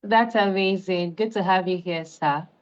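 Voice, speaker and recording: A woman from Nigeria with a lowish voice hosts an interview, cheering on each answer before moving to the next question. Her voice comes through a dull, muffled lo-fi recording. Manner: encouraging, quick to praise answers. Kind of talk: interview hosting. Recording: dull lo-fi sound.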